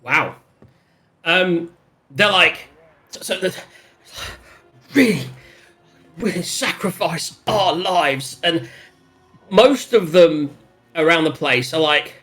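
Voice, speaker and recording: A man's voice: on the high side, animated, slow pace, long pauses, bright, forceful tone, faint music behind. A man casually narrating a tabletop role-playing game as game master.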